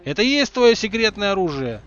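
A man's voice: high-pitched, big pitch swings, brisk, a bit bright, dull audio, faint music behind, voice pushed up. A man voicing a nervous, complaining teenage boy wizard. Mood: grumbling.

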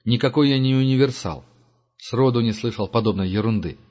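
A man voicing a gruff, curt tracker who is easily irritated. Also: mid-range voice, a little fast, darkish tone, natural voice. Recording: dull lo-fi recording.

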